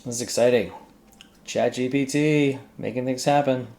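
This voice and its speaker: At a moderate pace and with a steady, mid-range voice, a tutorial host casually thinks aloud through a screen-recorded coding demo. His asides, aimed at himself and the software, are informal and exclamatory, and the recording picks up some keyboard typing over faint background noise.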